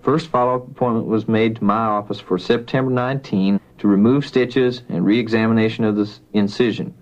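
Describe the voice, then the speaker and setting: A male doctor dictating a medical report into a dictaphone, measured and deliberate, spelling out names and numbers. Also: on the low side, fairly even intonation, highs cut off.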